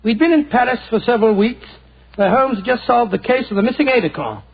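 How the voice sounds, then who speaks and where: A man's voice: very high-pitched, animated, gravelly, full character voice. An actor playing elderly Doctor Watson, a genial old doctor telling a story in a 1940s radio drama, with a fatherly, chatty manner. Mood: narrating. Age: older. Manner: fatherly, chatty, halting restarts. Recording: tinny 1940s radio transcription.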